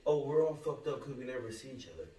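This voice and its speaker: A man in his thirties hosting a podcast, talking earnestly in casual chat with halting restarts. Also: mid-range voice, warm tone. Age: 30s. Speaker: podcast host. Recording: roomy, distant mic with faint hum.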